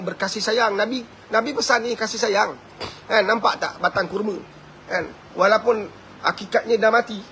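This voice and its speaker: A man with a Malaysian Malay accent giving a live-streamed religious talk, animated and chuckling, always asking his listeners whether they agree. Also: sits high, a little hiss or hum. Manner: animated, keeps asking the audience "right?"; chuckles often. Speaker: preacher.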